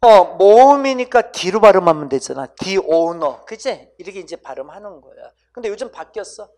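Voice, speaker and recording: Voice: mid-range voice, sing-song, a little fast, darkish tone. Chatty exam-prep English teacher. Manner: casual banmal, keeps asking students "right?"; addresses students directly, coaxing them to repeat sounds.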